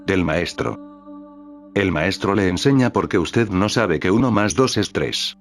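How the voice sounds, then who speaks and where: A man reading a spiritual teacher's talks aloud in a calm, measured way, voicing the questions and stage directions too. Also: low voice. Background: faint background music.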